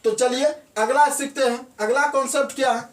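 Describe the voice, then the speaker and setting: A man's voice: very high voice, steady tone, normal speed, a bit bright, far from the mic. A man teaches math in a classroom, asking a question and then answering it himself, again and again. He says the key words twice. His voice echoes around the room and comes from some way off the mic. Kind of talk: classroom lesson.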